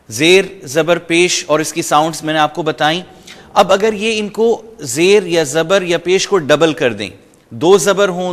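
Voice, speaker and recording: A man's voice: on the high side, a bit bright. Man teaching with a long echo. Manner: patient step-by-step explaining, mixing in English terms; recites short Arabic phrases slowly between explanations. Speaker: Quran reading teacher. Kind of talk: explanatory lesson.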